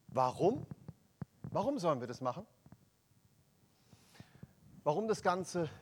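A man preaching a sermon, emphatic and rising to loud proclamations of scripture. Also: a little high.

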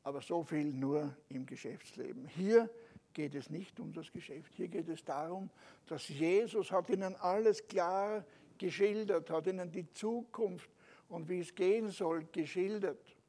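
A man preaching a sermon, emphatic, slowing on stressed phrases and dropping soft at the ends, turning to listeners with rhetorical asides. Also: high-pitched.

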